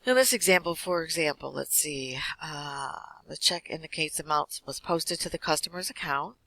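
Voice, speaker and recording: A man teaching an accounting class, walking through lecture slides quickly with casual fillers. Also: fairly high pitch, gravelly, bright, forceful tone, no room sound, low-quality recording. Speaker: accounting instructor.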